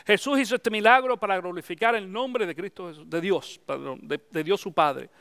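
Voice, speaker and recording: Man, middle-aged pastor, high voice, conversational sermon, dry close sound. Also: normal speed, gravelly, a bit bright, clean tone, no room sound. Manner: conversational preaching, mixes English phrases into Spanish.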